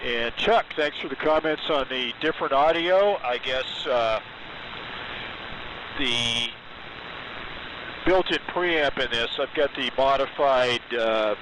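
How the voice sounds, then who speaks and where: A man in his sixties, heard over AM radio with static hiss, chatting in a rambling, technical way with many pauses. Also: medium pitch. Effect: received over AM radio, with static hiss. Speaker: amateur radio operator checking in. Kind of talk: casual on-air chat. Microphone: radio transmitter with carbon mic.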